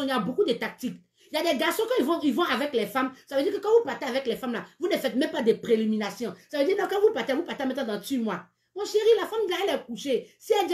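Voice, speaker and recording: A woman's voice: sits high, roomy sound. A woman hosting a live-stream dating advice show, speaking frankly and teasingly, and repeating her catchphrases.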